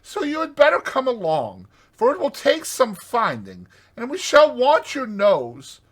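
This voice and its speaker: A kindly gentleman rat from a storybook, acted out by a man. He is chummy and solicitous in an old-fashioned way, with a raised pitch that bounces up and down. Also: wildly swooping pitch, unhurried, full character voice. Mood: brisk, pleasant. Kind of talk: dramatized storybook reading.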